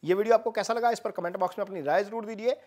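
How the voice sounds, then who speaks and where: An astrologer explaining a horoscope to viewers in a steady, explanatory way, pausing often with "uh" fillers. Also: medium pitch.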